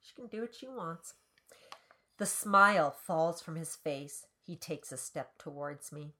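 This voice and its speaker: A woman's voice: sits low, expressive, measured pace, pushed and bright. A woman co-hosting a comedy podcast, reading a novel aloud and breaking off for wry, profane commentary. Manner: wry, swears casually. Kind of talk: dramatic reading with comic commentary.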